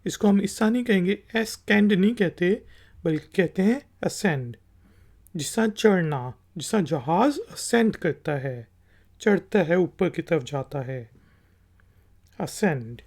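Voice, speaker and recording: Unhurried and a little mellow, the mid-range voice moves with lively intonation. It belongs to a language teacher from Pakistan who patiently explains, spelling each word one letter at a time and saying it again.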